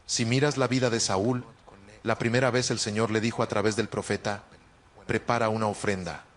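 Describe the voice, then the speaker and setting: A man's voice: on the low side, fairly even intonation, moderate pace. A man preaching a sermon, telling a personal testimony in an earnest, storytelling way.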